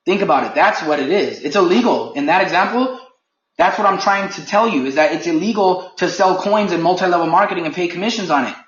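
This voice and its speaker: In echoey, dull lo-fi webinar audio, a man leading his company's webinar briefing speaks fast in a high, fairly bright voice. His delivery is firm and emphatic, with a slight heat to it.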